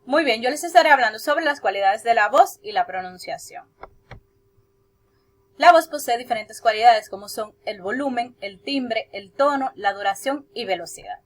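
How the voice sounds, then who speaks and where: A young woman, a student teacher, giving a steady class presentation that she explains point by point, pausing now and then with hesitant fillers. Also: a little high.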